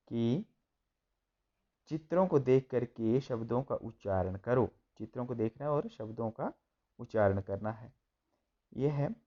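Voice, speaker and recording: A man's voice: mid-range voice, mellow, muffled recording. A man teaching a school textbook lesson, reading each line and then translating and repeating it.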